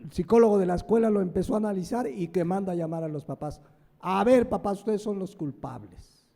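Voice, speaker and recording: A man's voice: high voice, warm tone, big-room sound. A man with a Mexican Spanish accent preaching a sermon. He is emphatic and asks questions that he answers himself. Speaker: pastor. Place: church sanctuary.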